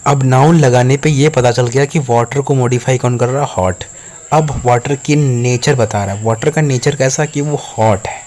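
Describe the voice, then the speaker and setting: A man's voice: mid-range voice, steady tone, moderate pace, darkish tone, a little hiss or hum. A man teaching an English grammar lesson, explaining patiently step by step.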